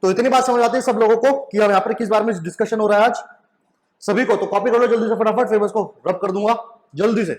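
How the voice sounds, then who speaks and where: High-voiced man teaching chemistry. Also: fairly even intonation, fast. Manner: repeats questions back to students, frequent "right?"; mixes in English phrases. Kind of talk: classroom lecture at a whiteboard.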